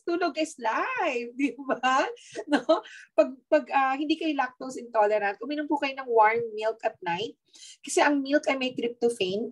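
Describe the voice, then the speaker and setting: A woman with a Filipino accent giving a lively, chatty health talk, mixing in teasing asides and frequent tag questions. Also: sits high, poor audio. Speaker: health speaker.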